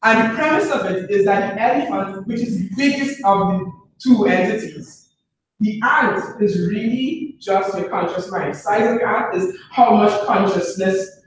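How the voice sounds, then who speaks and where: A man's voice: high-pitched, measured pace. A man giving a motivational talk to a live group at an information session. He often checks in with the room by asking 'right?' and repeats phrases for emphasis. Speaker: presenter at a business information session. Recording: very echoey room, far from the mic, faint noise.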